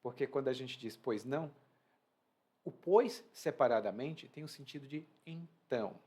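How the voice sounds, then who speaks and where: Husky and mid-range, a Brazilian-accented man speaks at normal speed while explaining a reading to Portuguese learners. He acts out quoted phrases with animation from inside his home.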